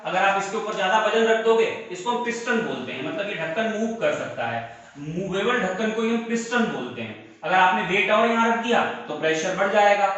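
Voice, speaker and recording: A man teaching a chemistry lesson in a high, bright voice. He slows right down to dictate definitions word by word and calls his students "beta". His voice rings around a very echoey room. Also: dull audio. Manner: addresses students fondly as "beta". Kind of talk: classroom lesson in Hindi with English terms.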